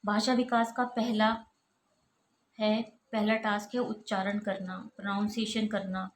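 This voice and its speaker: A woman's voice: mid-range voice, little pitch movement, a little slow. A woman who is an assistant professor, giving a recorded college lecture and going steadily through lists of examples. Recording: echoey room with faint ambient noise.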